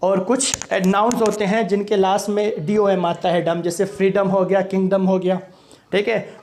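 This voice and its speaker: A man's voice: high-pitched, darkish tone. A young male English teacher giving a lesson, spelling out word endings one by one and often checking in with the class. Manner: spells out word endings letter by letter, frequent "theek hai" check-ins.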